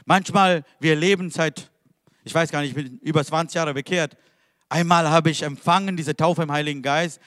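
A man's voice: on the high side, fairly even intonation, normal speed, a bit bright, clean studio sound. Man preaching in a reverberant hall. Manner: emphatic, questioning the listeners directly. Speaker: pastor. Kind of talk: sermon.

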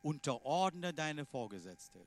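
A man preaching a sermon in non-native German phrasing, emphatic, swinging between loud declarations and quiet asides. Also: fairly high pitch, very animated, takes it slowly.

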